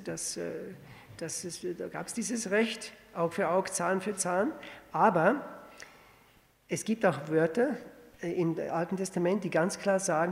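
A man preaching a sermon, teaching with rhetorical questions and reading scripture slowly and deliberately. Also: sits high, vocal fry. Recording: long reverb of a hall.

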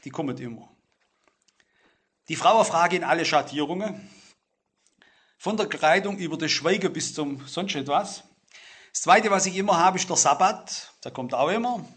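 Middle-aged male preacher, emphatic sermon delivery, high and sharp-toned. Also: expressive, moderate pace, long pauses, breathy edge. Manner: emphatic, swings between loud stress and low asides.

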